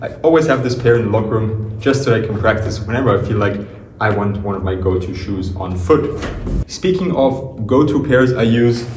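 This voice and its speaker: A man's voice: on the low side, normal speed, a little mellow, far from the mic. A man presents a casual product review in the manner of a player's vlog. His voice echoes around the locker room and sits away from the mic, with faint noise in the recording. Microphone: camera or phone mic at a distance, no proper microphone.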